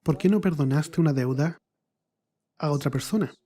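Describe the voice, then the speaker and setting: A man voicing a stern, demanding master from a parable in a sermon, speaking in a lower, quieter, scolding way. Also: normal speed, natural voice.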